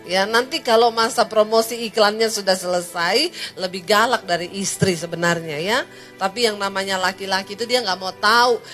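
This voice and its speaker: A woman's voice: mid-range voice, normal speed, soft background music. A woman preaching a sermon, telling a story and acting out its dialogue, rising to emphatic peaks. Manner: lively, acts out dialogue, rises to emphatic peaks.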